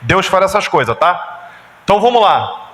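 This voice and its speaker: Brazilian pastor, sermon, high, lively delivery, echoey hall with music. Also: male voice, moderate pace. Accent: Brazilian Portuguese. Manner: animated, asks congregation frequent rhetorical questions. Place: church hall.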